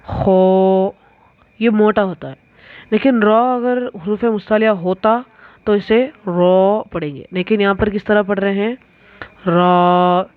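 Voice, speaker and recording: A woman's voice: mid-range voice, fairly even intonation, a little slow, no room sound. A woman teaching the Arabic alphabet, drawing out each letter sound between short explanations. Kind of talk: slow recitation lesson. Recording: tinny phone-like recording.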